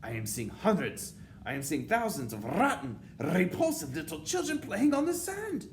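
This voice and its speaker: A man's voice: medium pitch, expressive, measured pace, gravelly, a bit bright, a little hiss or hum, voice pushed up. A man voicing a tyrannical, furious female leader of witches in a storybook, shrieking commands and rhetorical questions. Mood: disgusted, ranting. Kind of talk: children's storybook read-aloud.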